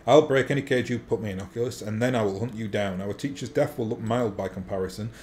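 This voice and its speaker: A man's voice: on the low side, fast talker, darkish tone, natural voice. A man voicing a villainous captive noblewoman from a video game, haughty and vengeful, with theatrical cartoon-villain menace. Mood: menacing. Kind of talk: reading game dialogue aloud in character. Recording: faint background noise.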